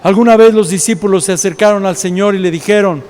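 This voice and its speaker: Mexican pastor, high male voice, storytelling sermon in a reverberant church hall. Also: fast talker, a little mellow. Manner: storytelling preacher, acts out quoted voices.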